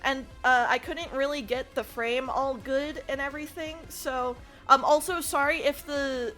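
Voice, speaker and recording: A woman livestreamer chatting casually with her viewers in a playful, excitable gamer-girl manner. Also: high-pitched, a little slow, faint music behind. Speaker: livestreamer, host.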